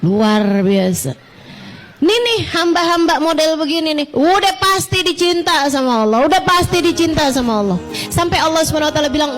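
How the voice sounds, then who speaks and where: High-voiced chatty woman preacher. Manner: chatty, addresses listeners directly, asks rhetorical questions. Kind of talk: conversational sermon.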